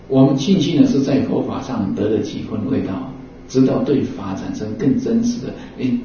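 Mellow-voiced Buddhist teacher in an echoey hall. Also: male voice, mid-range voice, slight background noise. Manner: conversational, acts out little dialogues, many fillers like 啊 and 哦. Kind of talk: sermon. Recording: roomy echo from a distant, dull mic.

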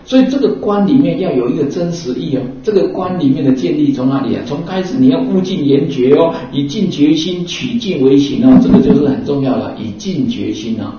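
A man's voice: on the high side, animated, a little fast, hardly any pauses, mellow, slight background noise. A man giving a Buddhist sermon in a conversational way, full of fillers and acted-out exchanges. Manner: conversational, acts out little dialogues, many fillers like 啊 and 哦. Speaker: Buddhist dharma teacher. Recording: roomy echo from a distant, dull mic.

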